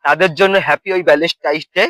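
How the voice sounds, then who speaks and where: A man's voice: a little high, steady tone, very fast, a bit bright, dry recording. A young man with a Bengali accent who rambles through a comic monologue, fumbling his words and slipping into sing-song lines and mock wailing. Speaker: comedy vlogger.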